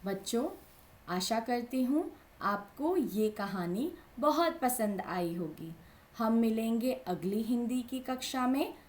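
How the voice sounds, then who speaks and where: A woman teacher reads a story aloud to young children, then explains pronunciation slowly, repeating the sounds. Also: a little high, expressive, a little mellow. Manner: slow, deliberate, repeating sounds for young learners.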